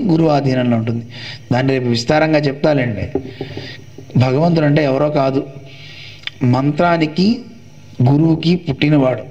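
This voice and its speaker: A man's voice: a little high, a little mellow. A man teaching a devotional discourse, asking questions and answering them himself, at times chanting divine names aloud. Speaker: religious teacher. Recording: dull lo-fi recording.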